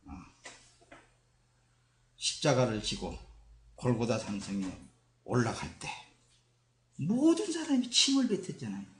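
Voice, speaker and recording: Male pastor, emphatic sermon, lively swooping delivery, roomy church sound. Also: mid-range voice, slight background noise. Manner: emphatic preaching with dramatic quoted voices. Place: church sanctuary. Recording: echoey church hall.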